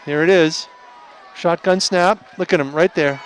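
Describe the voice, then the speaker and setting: A man giving color commentary at a local high school football game, talking through the blocking in a chatty way and correcting himself. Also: steady tone, a little slow. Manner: chatty analysis with self-corrections and light laughs. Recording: outdoor stadium with crowd and noise. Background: crowd and field noise.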